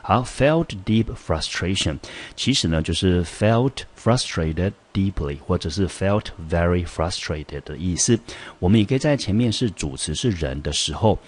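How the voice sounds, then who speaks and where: A middle-aged man with a Taiwanese Mandarin accent gives an English vocabulary lesson in a deep voice. He works through each word methodically and reads the example sentences slowly. His voice has a husky edge. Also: a little mellow. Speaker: English teacher.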